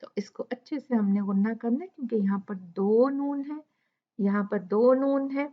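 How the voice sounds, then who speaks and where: A woman teaching Quran recitation rules in a tajweed tutorial, explaining patiently step by step and repeating examples slowly. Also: on the high side, dull audio.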